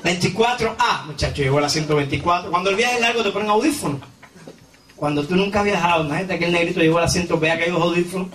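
A man with a Cuban accent telling a stand-up comedy routine in an animated way, often breaking into squealing character voices. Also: high voice, fast talker, a little hiss or hum. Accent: Cuban Spanish. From Cuba. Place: comedy stage before a live audience. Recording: roomy live stage sound from far off, loud crowd. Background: audience laughter.

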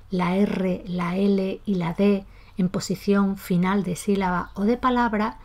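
A woman teaches a pronunciation lesson in a calm, methodical way. She says example words aloud to show the sounds, and she aspirates the final S in her own speech. Her voice sits at a middle pitch. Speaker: language teacher. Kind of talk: explanatory lesson.

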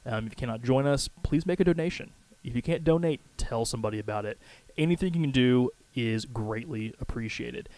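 A man's voice: mid-range voice, a little fast, a little mellow, no room sound. A man co-hosting a casual podcast, easygoing, giving brief agreeable replies and sometimes reading out announcements. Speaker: podcast co-host.

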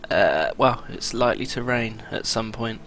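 A man, commentating a sim racing event in a relaxed, chatty way. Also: on the low side, normal speed, a little hiss or hum. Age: 20s. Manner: relaxed, chatty, reads out lap times with fillers. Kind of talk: casual race commentary.

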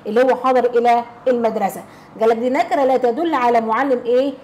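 Egyptian woman teacher, fast and high, asks and answers her own questions, faint noise behind. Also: darkish tone, poor audio. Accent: Egyptian Arabic. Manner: asks rhetorical questions and answers them herself; repeats key phrases, checking with "okay?". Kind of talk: classroom lesson explanation.

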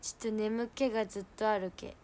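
A young woman with a Hiroshima dialect, hosting a casual livestream and chatting with viewers from home. She laughs at herself and gets loud when she acts out what people said. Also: mid-range voice, steady tone, quick pace, slight background noise. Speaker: idol livestream host.

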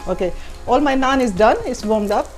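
A middle-aged woman from Pakistan hosting a cooking show, explaining each step to viewers in a relaxed, instructive way. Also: fairly high pitch, brisk, over music. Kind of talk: cooking demonstration. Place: TV studio kitchen set.

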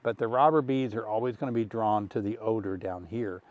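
Fillers pepper the friendly, easygoing explanations of this sixty-something beekeeper filming an instructional vlog next to his hives. He speaks fairly quickly in a lowish, fairly even voice, recorded on a lapel mic with no room sound and the highs cut off.

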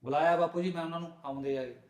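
A man's voice: a little high, steady tone, rapid-fire, soft background music, lightly acted. A man playing an easygoing husband who talks kindly with his wife and father-in-law. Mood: friendly. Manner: cheerful and accommodating. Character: young husband, easygoing and obliging. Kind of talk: short film acting.

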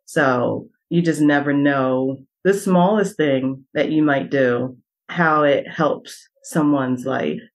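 A woman who works as a coach, a guest on a podcast, speaking in a reflective, halting way with restarts. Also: very deep voice, poor audio. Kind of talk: casual podcast conversation.

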